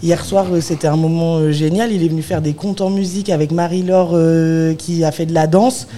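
Cultural centre staffer, mellow tone, halting speech full of fillers. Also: medium pitch, fairly even intonation, a little hiss or hum. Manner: hesitant, many fillers. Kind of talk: radio interview.

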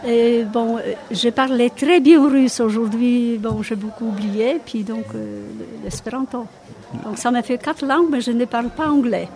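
A woman with a Polish accent, a guest on a radio show, speaking in a slow, hesitant, friendly way. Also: a little high, steady tone, a little mellow. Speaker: association member guest. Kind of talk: casual radio chat.

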